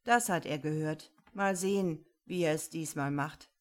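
A woman voicing a grumpy, cheeky male kitchen goblin who talks slowly and gruffly. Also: low voice. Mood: grumbling. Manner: slow, gruff and resigned.

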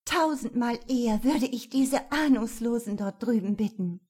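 A woman reading the lines of a defiant young woman, once a princess, sounding indignant and a little higher than her narration. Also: moderate pace, darkish tone, breathy edge.

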